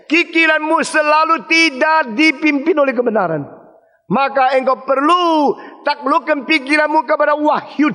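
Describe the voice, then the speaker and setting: A male pastor delivering a sermon with emphatic preaching, breaking into sudden shouts and dropping to low tones. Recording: long reverb of a large hall.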